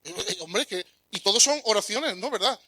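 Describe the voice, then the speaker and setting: A man's voice: sits high, animated, normal speed, sharp tone, no echo. A man preaching a sermon in an earnest voice that turns emphatic when he quotes, reading aloud and then explaining. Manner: earnest, rises to emphatic bursts when quoting.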